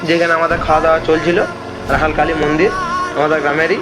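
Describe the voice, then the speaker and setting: A man's voice: a little high, level tone, fast, over loud music. A man telling a ghost story in a casual chat, repeating phrases for effect. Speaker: guest storyteller.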